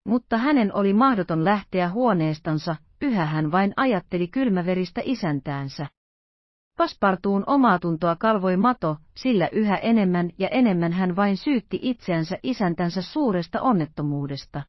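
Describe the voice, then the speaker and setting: A woman narrating a classic novel as an audiobook in a steady, measured reading. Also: fairly low pitch, no echo, highs cut off.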